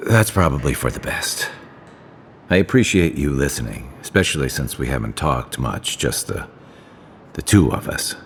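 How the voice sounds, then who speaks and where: A weary, guilt-ridden veteran mercenary. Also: male voice, extremely low pitch, expressive. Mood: somber. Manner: halting, confessional. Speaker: companion character. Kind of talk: video game voice acting. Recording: game audio with long reverb and faint noise.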